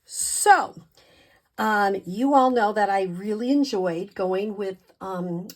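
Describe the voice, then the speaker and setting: A woman's voice: mid-range voice, darkish tone. A woman giving a casual craft tutorial in a chatty, hesitant way, with a slight lisp as after dental work. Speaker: craft demonstrator and video host.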